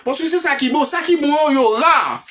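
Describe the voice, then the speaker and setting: Haitian-accented teacher, high bright voice, slow drills, set back from the mic. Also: expressive, reverberant, distant mic. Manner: explains in Haitian Creole with French and English examples, slow drilled phrases. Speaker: English teacher. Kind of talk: live online English lesson.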